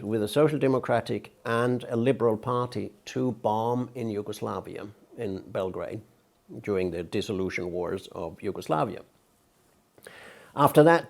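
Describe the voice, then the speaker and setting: A man's voice: mid-range voice, darkish tone. An older man from Denmark, giving outspoken, emphatic interview answers as a guest. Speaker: interview guest, peace researcher.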